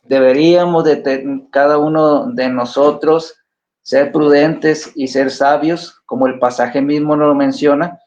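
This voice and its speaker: A man's voice: on the high side, darkish tone. A man giving an earnest exhortation on a Bible program, speaking to fellow believers. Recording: dull lo-fi sound.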